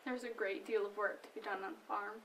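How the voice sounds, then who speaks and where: A woman performs in an amateur stage play as a blunt, defensive farm wife with a dry, folksy manner. Her medium-pitched voice is brisk, fairly even, slightly bright and close to everyday speech. The mic is distant, with noticeable room noise.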